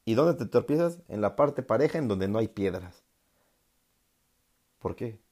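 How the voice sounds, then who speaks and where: A young man with a Mexican accent speaks in a low, mellow voice. He talks casually and jokes a lot, laughing between lines and mimicking others. Then he turns earnest and encouraging. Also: expressive, measured pace. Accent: Mexican Spanish. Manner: joking, laughing, mocks others in put-on high voices. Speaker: scout talking to an audience. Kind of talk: casual monologue.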